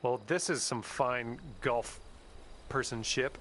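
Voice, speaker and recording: A cheerful golf caddie. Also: male voice, medium pitch, slow pace, a bit bright, a little hiss or hum. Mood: encouraging. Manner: upbeat, encouraging, folksy. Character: cheerful encouraging adult male golf caddie. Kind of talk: game voice lines. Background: background music.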